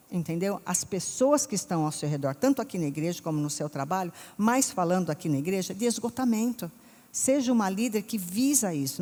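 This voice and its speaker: Chatty Brazilian woman preaching in a reverberant church. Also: lowish voice. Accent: Brazilian Portuguese. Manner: lively storytelling, acts out voices in her anecdotes; chatty, often checks in with the audience. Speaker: women's conference speaker. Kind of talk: conversational sermon. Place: church sanctuary. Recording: long reverb of a church hall.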